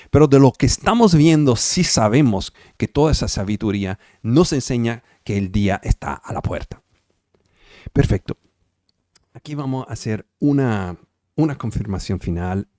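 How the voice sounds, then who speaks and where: An Italian-born man preaches a sermon in Spanish over a video call, his Italian accent audible. He is emphatic and repetitive and keeps asking the audience whether they follow. His fairly low voice has a darkish tone, and the recording is dry with clean studio sound.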